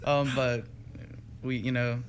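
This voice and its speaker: In a radio studio with faint music and slight background noise, a young adult music student from Texas speaks slowly and flatly in a mid-range voice. He's a guest in a casual interview and uses many fillers and restarts.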